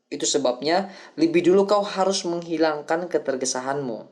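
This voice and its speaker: A man's voice: fairly high pitch, moderate pace, close to an everyday voice. Pak Torsov, a man reading a patient acting teacher. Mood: instructive. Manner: calm, explanatory lecturing. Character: older male acting teacher, patient and instructive. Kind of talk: audiobook reading.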